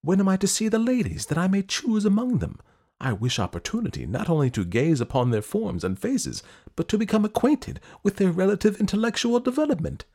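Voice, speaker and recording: A man's voice: sits high, very animated, brisk, a little mellow, pitched above the performer's own voice, full character voice. A man voicing a fussy, perplexed young prince who speaks in a raised, formal, pleading tone.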